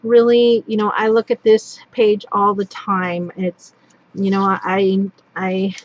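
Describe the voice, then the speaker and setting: A hoarse woman from Northern California, clearly losing her voice, casually pages through a craft product catalog while an overhead tabletop camera shows only her hands on a wooden table indoors. Her medium-pitched delivery is flat and slow, full of ums and restarts, and the audio's high frequencies are cut off.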